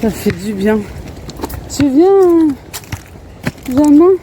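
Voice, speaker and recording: A woman's voice: high-pitched, very animated, extremely slow, dark tone. A woman in her thirties chatting casually in a family vlog, laughing often and breaking off to talk to her children outdoors. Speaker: family vlogger. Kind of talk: casual vlog chat while out with her kids. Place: outdoors in a park. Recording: faint outdoor street noise.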